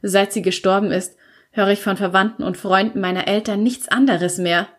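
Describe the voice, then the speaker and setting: A woman narrating a first-person audiobook in an expressive storytelling manner. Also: mid-range voice, normal speed.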